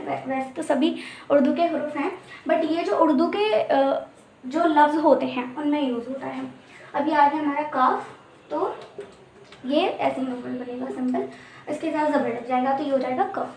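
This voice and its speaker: A high-voiced woman teaches a casual language lesson, patiently drilling letter sounds one at a time. She is recorded in an echoey room with a faint hiss of background noise. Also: a little mellow.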